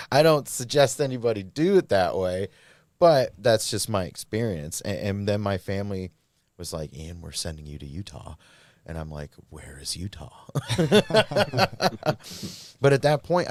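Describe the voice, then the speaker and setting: A man's voice: lowish voice, a little mellow, no echo. A man, a podcast guest, candidly telling his recovery story in a rambling, filler-heavy way.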